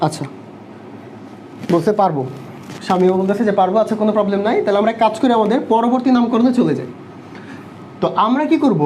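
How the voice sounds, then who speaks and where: A young man teaching an online chemistry class, asking quick questions and answering them himself. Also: high-pitched, darkish tone, slight background noise. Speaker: chemistry tutor. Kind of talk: online live class lecture. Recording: dull lo-fi online class audio.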